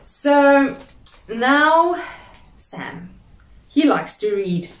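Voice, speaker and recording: A woman's voice: high voice, sing-song, drawn-out words, roomy sound, recorded from a distance. A young woman hosting her vlog, chatting casually and playfully. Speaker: vlog host. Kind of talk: casual chat.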